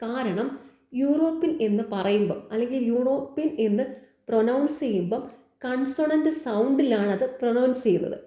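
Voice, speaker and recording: A woman's voice: a little high, mellow, echoey room. A woman explaining exam grammar answers as a teacher, repeating key words and asking quiz questions.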